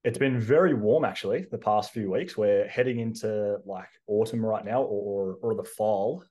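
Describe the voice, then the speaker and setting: A man's voice: fairly low pitch, moderate pace. A young Australian man, a strength coach and podcast regular, chatting casually and easily with plenty of ums. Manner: relaxed, easygoing, with frequent ums.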